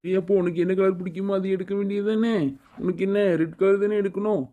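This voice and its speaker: A woman's voice: mid-range voice, steady tone, fast, phone-quality sound, lightly acted. A woman voicing a young groom caught between his mother and bride in a cartoon. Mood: firm. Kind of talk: cartoon voice acting.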